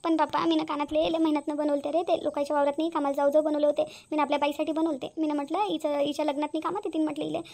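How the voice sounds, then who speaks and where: Brief: a woman as grieving older village mother in a cartoon; lilt, fast, lamenting. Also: high voice, little pitch movement, a little mellow. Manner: wailing, sobbing lament. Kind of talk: cartoon voice acting.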